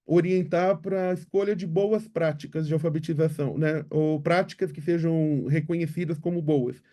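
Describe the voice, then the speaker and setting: High-voiced Brazilian man answering questions. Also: mellow. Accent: Brazilian Portuguese. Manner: explanatory, ends points with tag questions. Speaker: webinar presenter and literacy researcher. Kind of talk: answering viewer questions in a live webinar.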